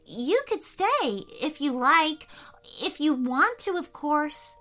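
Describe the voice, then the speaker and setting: A woman puts on a full character voice as a kind young girl, pitching it above her natural voice. The delivery is high, sing-song, slow, pushed and bright.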